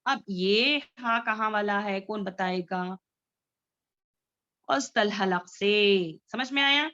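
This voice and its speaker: A woman's voice: medium pitch, slow, bright, forceful tone, muffled recording. A woman teaching a Tajweed recitation class, patiently drawing out letter sounds and often checking that students follow. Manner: frequent checks for understanding.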